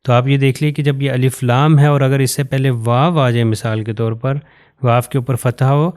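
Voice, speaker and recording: A man from Pakistan, teaching Quran recitation patiently and step by step, pointing to written examples and slowing down to recite phrases carefully. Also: mid-range voice, fairly even intonation, a little mellow. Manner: slows down to recite Arabic phrases with care. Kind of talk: recorded lesson explaining to learners.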